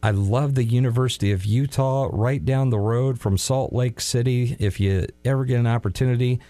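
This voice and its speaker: A man's voice: mid-range voice, normal speed, dark tone, no room sound, faint music behind. A man co-hosting a local sports talk show, chatting casually with playful sarcastic asides.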